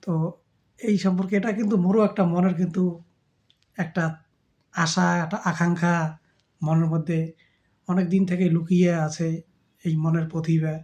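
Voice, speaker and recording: A man with a Rajbongshi accent talks in a slow, unhurried way, reflective and humble. His voice is dark and mellow, like an amateur singer chatting casually before a song. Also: high-pitched, flat delivery, highs cut off. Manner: slow, reflective, humble talk in a rural dialect. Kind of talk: casual spoken introduction before singing.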